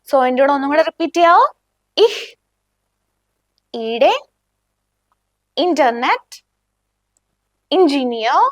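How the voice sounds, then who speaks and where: Woman teaching german, says every word twice real slow and clear. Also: high voice, no echo, studio quality. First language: Malayalam. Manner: slow, clear, repeats each word for the learner. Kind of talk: beginner language lesson.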